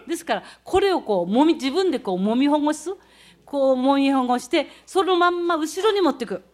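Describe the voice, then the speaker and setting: A woman's voice: high voice, lively intonation, brisk. A woman from the Tohoku region of Japan giving a talk, explaining techniques step by step as she demonstrates them. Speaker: speaker recounting leading a student climb.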